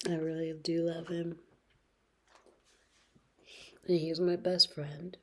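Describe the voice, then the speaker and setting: A woman in her late twenties talking slowly and reflectively in a personal video diary, hesitant, her husky voice often sinking to a whisper. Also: lowish voice, flat delivery. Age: 20s. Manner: slow, reflective, hesitant, with soft laughs. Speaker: vlogger.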